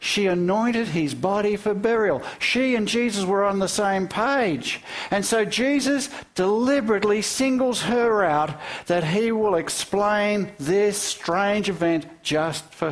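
Man, pastor, sermon, lively storytelling, questions to the congregation, slightly high pitch. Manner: animated storytelling with rhetorical questions and chuckles.

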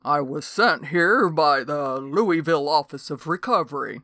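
A blank-faced male federal agent, voiced by a woman narrator, talks in a steady, unhurried drawl that sits lower than her narration and comes out a touch louder. The storybook reading is dry and close. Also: dry recording. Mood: businesslike. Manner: slow, steady drawl with "y'all". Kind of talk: audiobook character voice.

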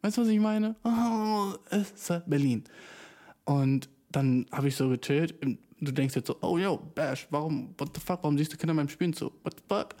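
Young man with a mellow, slangy delivery. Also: fairly high pitch, moderate pace. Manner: rambling, profane, slangy, mixes in English words. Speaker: podcast host. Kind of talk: casual podcast monologue.

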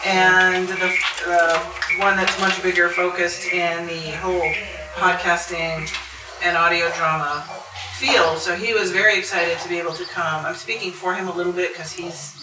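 A middle-aged woman, an audio drama voice actor sitting on a panel at a live convention, talks casually and thinks aloud at normal speed. Her voice is fairly low with fairly even intonation, picked up by a distant mic in a roomy space over a loud crowd.

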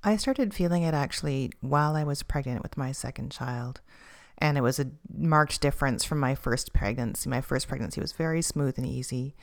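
A woman in her forties, a podcast guest, telling her personal story calmly and candidly. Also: extremely low pitch, normal speed. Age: 40s.

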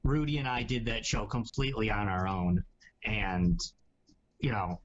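A man's voice: on the low side, unhurried, highs cut off. A man hosting a casual podcast chat, talking in rambling, hedging sentences full of asides. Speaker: podcast host.

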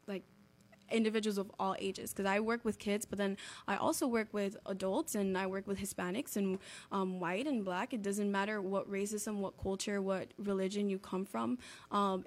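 A young woman from Miami, talking casually as a guest in an interview, with lots of "like" and "um" fillers. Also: medium pitch. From Miami, United States. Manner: chatty, uses lots of "like" and "um" fillers.

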